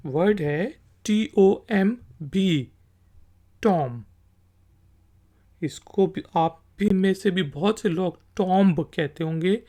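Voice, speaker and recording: Here a Pakistani language teacher speaks in a mellow, mid-range voice. The explanatory lesson is patient and repetitive, as each word is spelled out letter by letter and said again.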